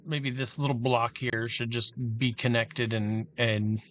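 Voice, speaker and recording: A man giving casual, halting commentary while he plans a build in a game, thinking aloud with many restarts. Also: medium pitch, steady tone, fairly bright tone, slight background noise. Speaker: gameplay commentator.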